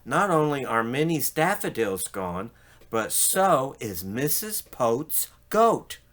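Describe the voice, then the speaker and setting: A man puts on a female cartoon duck from a storybook. The delivery is concerned and questioning. The tone is bright, with animated pitch. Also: slow. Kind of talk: children's storybook read-aloud.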